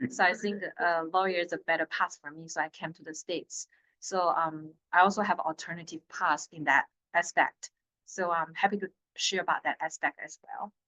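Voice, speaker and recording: A woman, a corporate attorney introducing herself on a panel, earnest and direct with some halting restarts. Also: lowish voice, pushed and bright. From China. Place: law school lecture room. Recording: dull lo-fi recording.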